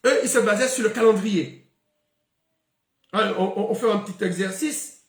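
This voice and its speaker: A man's voice: high-pitched, moderate pace, roomy sound. A man giving a spoken Bible lesson, stopping often with fillers and repeated words. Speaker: Bible teacher.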